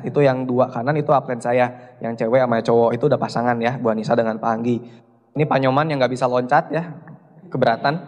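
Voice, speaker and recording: A man's voice: mid-range voice, darkish tone. A young man giving a motivational business seminar, telling stories with jokes and quizzing the audience. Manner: jokey storytelling, keeps quizzing the audience. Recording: long hall reverb.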